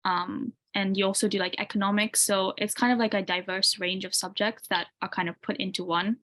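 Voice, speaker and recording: Answering interview questions at a fairly quick clip, this woman in her twenties uses a mid-range voice and lots of "like" and "um." She's a university student from the UK who grew up in Tanzania, and her manner is easygoing.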